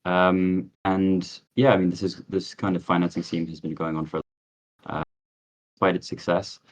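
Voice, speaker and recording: A man pitching a project over a video call, talking hesitantly with many fillers while his audio cuts out and his volume keeps jumping up and down. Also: little pitch movement, moderate pace, low-quality recording. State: audio cutting out, volume rising and dropping. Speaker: startup founder pitching a project.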